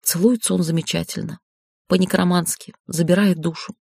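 A woman's voice: on the low side, steady tone, a little fast, gravelly, a little mellow, breathy edge, no room sound, clean studio sound. Woman reading a first-person audiobook. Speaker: audiobook reader.

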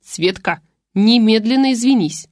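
A woman's voice: medium pitch, normal speed, darkish tone, no echo, studio quality, lightly acted. A woman voicing an irritable young father who barks curt orders. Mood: shouting. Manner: curt, barking.

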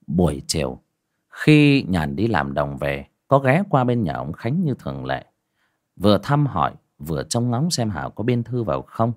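A man's voice: low-pitched, very animated, a little slow. A man narrating an audiobook story in a dramatic, emotional reading.

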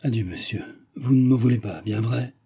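A man's voice: mid-range voice, normal speed, warm tone, breathy edge. A man reading aloud and voicing a flustered, pleading young woman in a raised voice.

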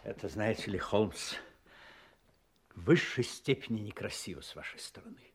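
An actor playing an earnest, sensitive gentleman doctor, a detective's companion, speaking formally and expressively in a Russian radio play. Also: fairly low pitch, expressive, normal speed, slightly rough. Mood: hurt, indignant.

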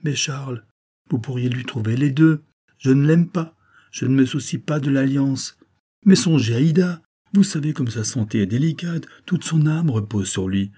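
A man voicing a gentle, elegant middle-aged noblewoman who pleads and reproaches in an audiobook. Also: medium pitch, normal speed, breathy edge, pitched above the performer's own voice, natural voice. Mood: pleading. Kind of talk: audiobook character voice.

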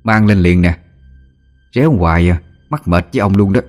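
A cranky older wife snaps back and nags in a low, plain voice, as a male narrator reads her lines. She sounds fed up and short-tempered. Faint music plays under the storybook reading. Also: normal speed, natural voice. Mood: snappish. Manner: scolding, snappish. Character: sharp-tongued older wife, nagging and irritable.

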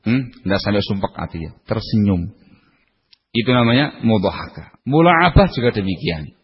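Animated preacher in an echoey hall. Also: male voice, slightly rough. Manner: animated, swings between loud high bursts and low quiet asides. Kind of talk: sermon. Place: lecture hall. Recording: echoey hall, muffled lo-fi recording.

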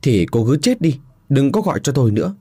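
A man's voice: mid-range voice, very animated, quick pace, dark tone, breathy edge, no echo, studio quality, voice pushed up. Man playing a cruel cold-hearted husband. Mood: cold, harsh. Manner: harsh, commanding, threatening.

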